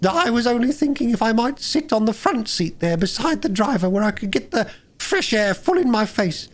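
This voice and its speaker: A man voicing a boastful, reckless male toad disguised as a washerwoman, with a high, feeble put-on voice that swells into loud swaggering boasts. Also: very animated, moderate pace.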